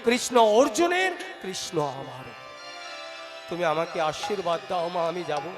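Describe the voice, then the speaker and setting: A man's voice: high-pitched, wildly swooping pitch, normal speed, pitched below the performer's own voice. A man voicing a devout young prince who speaks earnestly and eagerly, over devotional music.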